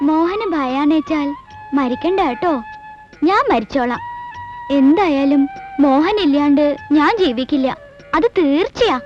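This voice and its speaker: An innocent young noblewoman, devoted to her sweetheart, who keeps pressing him with pleading questions. Her voice is very high. The sound is muffled and lo-fi, with soft music underneath. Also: lively intonation, unhurried, pauses often. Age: young adult.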